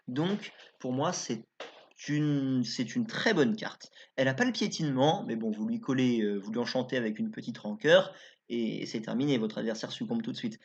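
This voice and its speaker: A man's voice: mid-range voice, expressive, normal speed. A man giving casual card review commentary as a YouTuber, chatty and informal, thinking aloud as he goes. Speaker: YouTuber reviewing game cards. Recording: slightly dull lo-fi recording.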